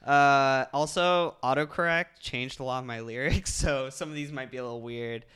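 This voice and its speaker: Bright-voiced joking male podcast host. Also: medium pitch, normal speed, smooth. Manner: joking, laughs often, raps an intro. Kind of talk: casual chat.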